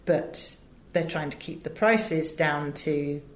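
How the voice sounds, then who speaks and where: A middle-aged woman from England speaks slowly in a low-pitched voice, answering interview questions as a guest and audiobook director and producer. Her British-accented replies are conversational, with emphatic storytelling and many asides, captured with a roomy echo and faint background noise.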